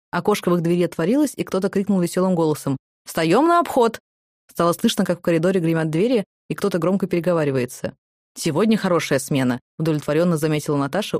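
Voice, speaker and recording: A woman reading scripted audiobook narration in an even storytelling way. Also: fairly low pitch, no room sound, clean studio sound.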